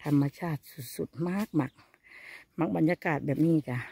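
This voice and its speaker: A woman's voice: sits low, normal speed, gravelly, mellow, husky, no echo. Chatty Isan-accented woman vlogger, teasing and exclamatory, outdoors on a phone. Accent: Isan Thai. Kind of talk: casual chat to viewers. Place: bamboo forest outdoors.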